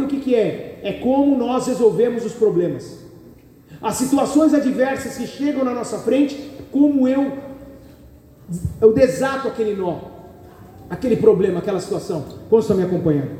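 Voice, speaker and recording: A pastor with a Brazilian Portuguese accent preaching a sermon, calling out questions to the congregation and joking in asides. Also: male voice, extremely high pitch, dark tone, a little hiss or hum. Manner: preaching with audience call-and-response, joking asides. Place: church hall. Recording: echoey hall, picked up from far.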